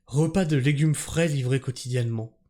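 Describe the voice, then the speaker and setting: A man's voice: mid-range voice, moderate pace, warm tone. A man reading a news article aloud and breaking off into sarcastic, profane rants about it. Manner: sarcastic, profane, exasperated asides. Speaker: commentator reacting to a news article.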